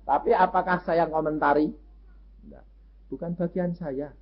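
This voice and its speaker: A man preaching a sermon, telling stories lively and acting out the voices of people in them. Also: fairly high pitch, normal speed. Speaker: pastor. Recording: muffled lo-fi recording.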